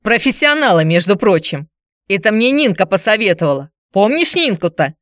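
A woman reading a story, voicing a worn-out, drunken ex-wife who pleads and shouts tearfully. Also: big pitch swings, normal speed, dry recording, studio quality. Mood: shrill pleading. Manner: shrill, pleading, tearful outbursts.

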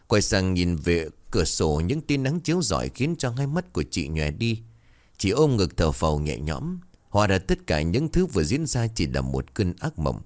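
A man narrating a dramatic horror story in a steady, dramatic storytelling manner. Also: low-pitched, normal speed, dry recording.

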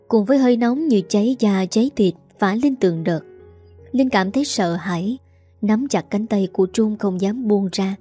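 A woman narrating a dramatic melodrama story in a steady storytelling voice. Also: mid-range voice, husky.

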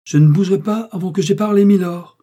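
A man's voice: mid-range voice, normal speed, warm tone, highs cut off, lightly acted. A man voicing a determined young wife who defies a courtroom, firm and insistent. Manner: firm, insistent, rising to outbursts.

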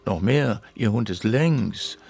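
A gravelly, deadpan storyteller. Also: male voice, on the low side, takes it slowly, exaggerated voice. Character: wry man telling a grim family story. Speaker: radio drama actor. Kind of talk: radio drama acting.

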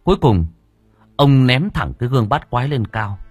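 A man narrating a horror story in a dramatic, expressive way. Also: mid-range voice, normal speed, slightly rough, no echo, faint music behind. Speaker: audiobook narrator.

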